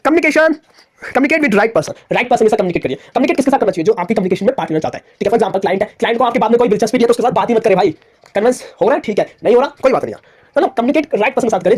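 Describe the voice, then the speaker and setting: A young man giving a casual classroom lecture on business communication, talking in quick repetitive bursts and asking his students whether they follow. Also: high-pitched, darkish tone. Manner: rapid, repetitive, asks "theek hai?" often. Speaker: commerce lecturer.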